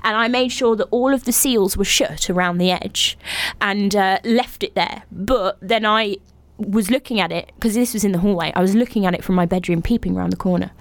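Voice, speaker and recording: Animated woman telling a story. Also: mid-range voice, moderate pace, few pauses, dry recording. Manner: animated storyteller, laughs often. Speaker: podcast co-host. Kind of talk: casual chat.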